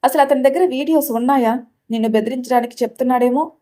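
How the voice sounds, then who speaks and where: A woman's voice: high voice, fast talker, dark tone, natural voice. A woman voicing a caring, protective older sister who speaks firmly. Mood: scolding. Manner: comforting, then scolding.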